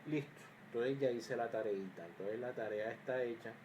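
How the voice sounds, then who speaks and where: With noise behind him, a male engineering teacher talks through an electrical circuits problem in a screen-recorded lesson, his medium-pitched voice at a moderate pace. He takes it step by step with frequent fillers and restarts, occasionally muttering while checking his work.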